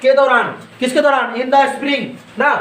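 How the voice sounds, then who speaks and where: A man's voice: extremely high pitch, fairly even intonation, a little slow, fairly bright tone, slight background noise. A male teacher lecturing on a poem, asking questions and then answering them himself, repeating each point. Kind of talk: classroom lecture explaining a poem. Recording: echoey room.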